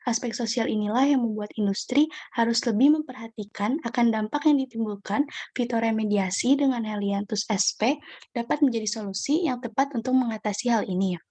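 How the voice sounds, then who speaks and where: A woman's voice: on the high side, fairly quick, no echo. Young woman reading a class presentation. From Indonesia. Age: young adult. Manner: steady reading with occasional self-corrections. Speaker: student presenter.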